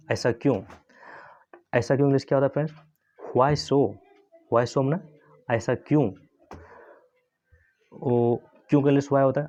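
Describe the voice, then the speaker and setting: A man teaching English in a lesson, explaining slowly and repeating phrases with frequent tag questions. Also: mid-range voice, darkish tone, lo-fi sound. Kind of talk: Hindi-language English lesson.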